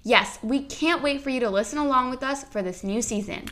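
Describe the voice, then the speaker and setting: A young girl hosting a scripted science podcast in a bright, upbeat presenter's manner. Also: sits high, fairly quick, crowd noise. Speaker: podcast host.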